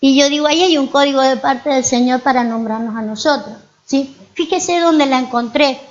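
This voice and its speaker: Speaking at normal speed in a high-pitched voice, a woman pastor delivers a church sermon in an Argentine Spanish accent. She tells stories and frequently asks the congregation rhetorical questions, though the audio is dull.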